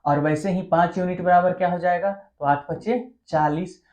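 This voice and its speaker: A man's voice: sits high, fairly even intonation, moderate pace, darkish tone, dull audio. A man teaching an exam-prep math lesson. He keeps asking the class questions and answering them himself in a chatty, coaxing way.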